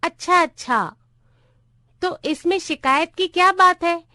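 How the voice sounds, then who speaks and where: A dozy, half-deaf old clerk behind a government counter who muddles every word he is told, as a woman reading the story puts him on. The voice sits high and moves slowly. It is recorded close and dry. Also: bright, forceful tone, no room sound, heavily acted. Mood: muddled. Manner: confused, repeats things wrong. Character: hard-of-hearing old male office clerk.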